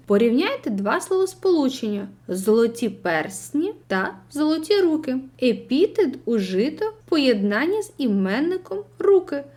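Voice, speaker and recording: Woman reading a school textbook aloud, high and very lively, clear and deliberate. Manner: clear, deliberate reading with slowed, sing-song verse quotes. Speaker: textbook reader.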